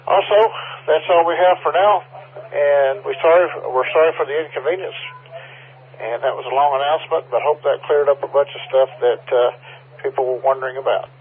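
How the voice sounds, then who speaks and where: Over a muffled, phone-like amateur radio transmission, a man makes an informal announcement and explains things in a conciliatory way. His voice is a little high, husky and brisk, with a steady tone.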